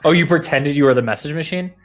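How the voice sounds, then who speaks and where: A man's voice: a little high, fast talker. A man co-hosting a live coding stream, casually talking through the demo he is building as he goes. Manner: thinks aloud while building, relaxed and meandering.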